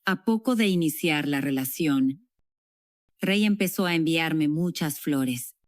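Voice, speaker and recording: A woman telling her own story for a documentary in a reflective, measured way, as a dubbed voice-over. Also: low-pitched, expressive, no room sound, studio quality. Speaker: interviewee recounting her past.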